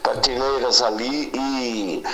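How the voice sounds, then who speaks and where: Man, call-in guest, speakerphone sound, bright tone, patient explainer. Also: medium pitch, fairly even intonation, slow pace, faint music behind, low-quality recording. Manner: explains patiently with everyday comparisons. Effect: heard over a phone on speakerphone. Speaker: radio guest on the phone. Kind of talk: explaining by phone in casual conversation.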